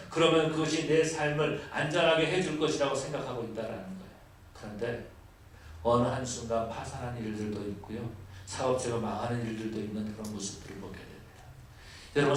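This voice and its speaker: A man preaching a sermon as pastor, moving from quiet, low asides to loud, high, emphatic lists. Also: slight background noise. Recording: echoey hall, voice from far off.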